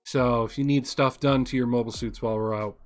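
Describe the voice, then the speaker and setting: A man playing a courteous male officer, second in command, briefing his new pilots. He speaks at an even middle pitch with a bright edge and many small hesitations. Faint music sits behind him. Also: quick pace, natural voice. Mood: polite. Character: polite male first lieutenant, second in command.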